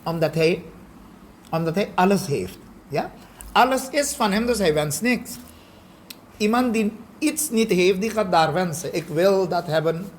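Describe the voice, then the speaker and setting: A man, a spiritual teacher, giving a study lecture and often checking in with a quick "ja?" and a rhetorical question. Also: sits high, expressive, a little hiss or hum. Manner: explains with frequent rhetorical questions and "ja?" checks, mixes in English phrases.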